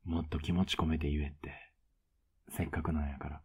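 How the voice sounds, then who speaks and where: Whispered role-play, male voice actor as a doting older boyfriend: husky, very low, flat and coaxing. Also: fairly quick, exaggerated voice. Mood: teasing tender. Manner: teasing, soft-spoken, coaxing.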